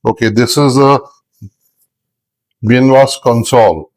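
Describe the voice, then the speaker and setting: A man's voice: mid-range voice, steady tone, slow, darkish tone. A man with an Indian accent hosting an explainer vlog on a ship's bridge, switching between English and Hindi and restating points to teach. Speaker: video host and interviewer.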